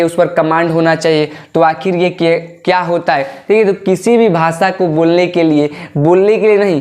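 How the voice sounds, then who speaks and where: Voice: medium pitch, darkish tone. An English teacher giving an online lesson, who keeps asking questions, answers them, repeats key points and calls the viewers "babu". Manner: drills pronunciation aloud.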